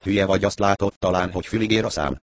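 A man's voice: low-pitched, no echo, natural voice. Man reading as a sulky young woman. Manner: sulky, blunt. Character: moody young woman haunted by nightmares.

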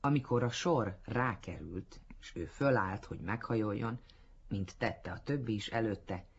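A man reading a literary story aloud in a measured storytelling manner, on a dull lo-fi recording. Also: fairly low pitch, vocal fry, a little hiss or hum. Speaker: narrator. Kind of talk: literary audiobook narration.

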